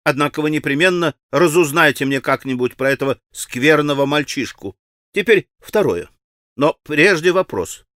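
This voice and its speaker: A man voicing an impetuous, bossy teenage girl who speaks in a loud, commanding, urgent way. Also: a little high, animated, moderate pace, no room sound, clean studio sound. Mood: imperious.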